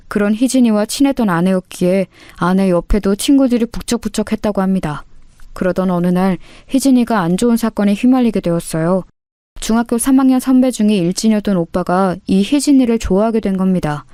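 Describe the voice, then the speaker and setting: A woman's voice: mid-range voice, warm tone, smooth, dry recording, clean studio sound. Woman narrating a dramatic audio story.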